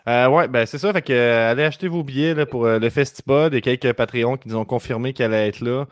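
A man's voice: mid-range voice, dry recording, studio quality. A man with a Québécois French accent hosting a podcast, reeling off news items in casual chat. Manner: quick news rundown, lists words rapidly. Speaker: podcast host.

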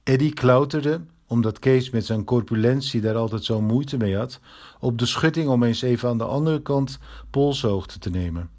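Male storybook narrator, steady measured delivery, mid pitch. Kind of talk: storybook reading.

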